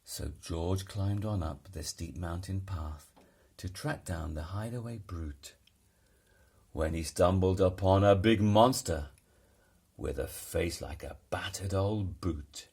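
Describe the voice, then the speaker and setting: Male storybook narrator: low, gravelly voice, unhurried and dramatic delivery. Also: darkish tone. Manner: dramatic, deliberate. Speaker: storybook reader. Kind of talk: expressive read-aloud children's narration.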